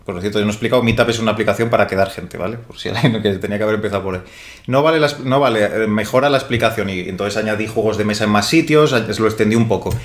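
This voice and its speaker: Young male host, low-pitched, rambling casual live-stream chat, roomy echo. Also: racing. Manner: rambling, self-correcting, chatty. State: sweating heavily. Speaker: host of board game channel. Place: small studio set with brick wall. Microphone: desk microphone.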